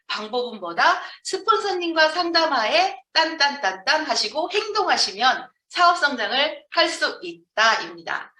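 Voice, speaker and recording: In an echoey room picked up by a far-off microphone, a woman from Jeonju, South Korea gives a motivational business training talk. She emphatically asks her audience questions and answers them herself, her high-pitched voice pushed and bright.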